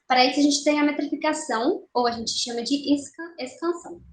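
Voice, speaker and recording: A young woman with a high voice gives a recorded literature lesson. She explains step by step and slows down to count syllables one by one. The sound is roomy, with a clear echo. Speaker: teacher.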